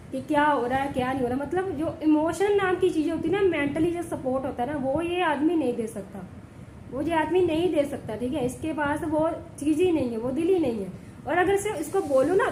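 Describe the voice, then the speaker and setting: Woman vlogger, high voice, sick with fever, complaining, repetitive, echoey room, loud background noise. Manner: complaining, repeats herself, keeps asking "ठीक है?". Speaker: village vlogger. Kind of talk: casual vlog talk to camera. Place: home indoors.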